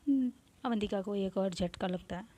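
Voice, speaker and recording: A woman's voice: medium pitch, normal speed, warm tone. A woman narrating a romance story in a casual tone, mixing English words into her narration.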